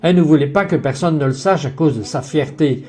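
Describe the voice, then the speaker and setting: A man's voice: fairly high pitch, fairly quick, darkish tone, natural voice. A man giving the French voice-over for a woman guest on a faith talk show, telling her story in an earnest way.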